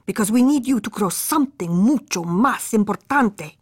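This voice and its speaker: A woman's voice: medium pitch, expressive, moderate pace, breathy edge. A woman voicing the biggest of a gang of small chihuahuas, bossy and full of mock Spanish words.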